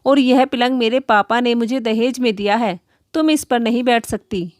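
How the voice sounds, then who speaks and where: A proud, spoiled young bride from a rich family sneers at her in-laws, as a woman reads her lines in a storybook. Her voice sits fairly high and sounds close and dry, with no room around it. Her tone is scornful and haughty throughout. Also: normal speed, dry recording, lightly acted. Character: arrogant young wealthy daughter-in-law woman.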